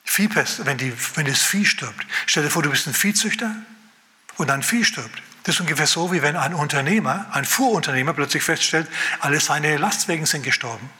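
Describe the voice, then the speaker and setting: A male pastor preaching with a bright, forceful, fairly high voice. He tells his story in a lively way and briefly acts out what people say. His voice carries a long reverb, as in a church hall. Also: brisk. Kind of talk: sermon.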